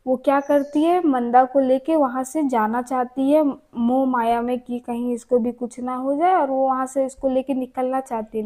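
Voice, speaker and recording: Chatty high-voiced woman teaching exam notes. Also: mellow. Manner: chatty, keeps asking and answering her own questions. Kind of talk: casual exam-prep lecture.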